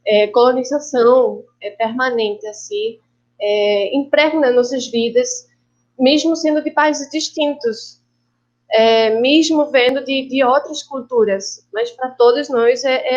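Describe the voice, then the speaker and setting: Colombian woman, Spanish native, guest panelist, halting reflective delivery, slightly high voice, dull video call audio. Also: a little mellow. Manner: reflective, halting, slips Spanish words into Portuguese. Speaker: guest filmmaker and actress. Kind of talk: online panel talk.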